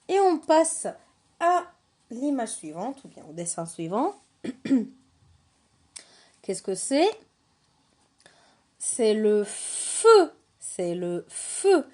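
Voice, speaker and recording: A woman gives a reading lesson for young children at an unhurried pace. She breaks words into syllables and repeats them patiently. Her fairly high voice rises and falls a lot as she asks questions. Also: dark tone. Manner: poses questions to young learners. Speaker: teacher.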